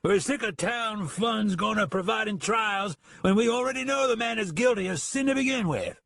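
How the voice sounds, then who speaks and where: Brief: man putting on a loud drunken ex-sergeant bully, raised high and husky. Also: normal speed, no room sound, clean studio sound, exaggerated voice. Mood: drunken, angry. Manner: shouting, blustering. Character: burly drunken angry ex-army sergeant, man.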